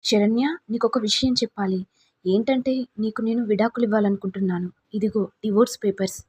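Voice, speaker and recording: A woman's voice: medium pitch, steady tone, a little fast, a little mellow, slightly rough, lightly acted. A woman voicing an angry young husband who taunts and accuses his wife. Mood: taunting.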